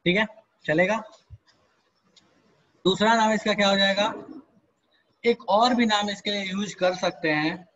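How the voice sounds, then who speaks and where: Male online chemistry tutor, high and bright, coaxing and repetitive, slightly dull audio. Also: a little slow, pauses often. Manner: coaxing, repeats "ठीक है" and "ध्यान दो", asks and answers own questions; addresses students by name, mixes English terms into Hindi. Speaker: chemistry teacher. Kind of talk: live online class lecture.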